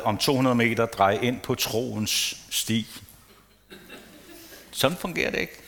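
A man giving a casual sermon to a congregation, chatting, asking the listeners questions and sometimes dropping to a hushed tone. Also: medium pitch. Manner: conversational, asks the audience questions, playful asides. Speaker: preacher.

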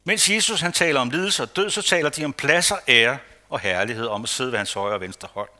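Man, pastor, sermon, bright clear voice, dramatic swings down to a hush. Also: mid-range voice. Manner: dramatic dynamics, dropping to a hushed near-whisper; rhetorical, repeats phrases for emphasis.

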